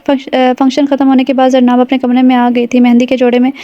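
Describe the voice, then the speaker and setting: Woman audiobook narrator, high flat delivery, dull dry recording. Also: no room sound. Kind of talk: novel narration.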